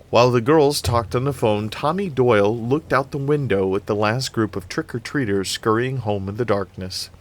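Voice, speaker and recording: A man reading a novel aloud in a lively, expressive way. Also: on the low side. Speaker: reader.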